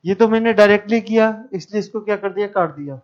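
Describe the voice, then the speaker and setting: Male math teacher, high clear voice, talks students through each step, dull lo-fi recording. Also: quick pace. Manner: explains step by step, questions the class. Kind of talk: classroom lecture.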